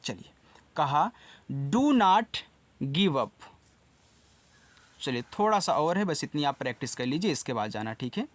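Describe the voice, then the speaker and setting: A man's voice: on the high side, big pitch swings. A man with a Hindi accent teaching an English lesson in a casual way, spelling each word out letter by letter and repeating it. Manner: slow, spells words letter by letter and repeats them.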